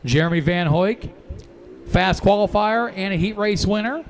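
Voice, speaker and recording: With outdoor race noise behind him, a male track announcer in a racetrack broadcast booth calls live motorsport in a proclaiming delivery. His voice is high and his speed normal.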